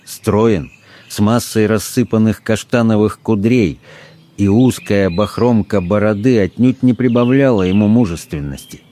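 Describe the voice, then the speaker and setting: A man narrating an audiobook in a measured, unhurried reading. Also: fairly low pitch, mellow. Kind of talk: scripted narration.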